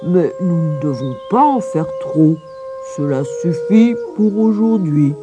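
An old mountain grandfather who speaks firmly and protectively, played by a woman reading a storybook. His voice sits low for her and carries over soft music. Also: animated, takes it slowly, dull audio. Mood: gentle. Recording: music playing behind.

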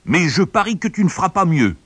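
A man voicing a vain, boastful male wind that taunts and brags loudly, with music underneath. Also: very animated, fairly quick. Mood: grudging. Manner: boastful, taunting, high and loud.

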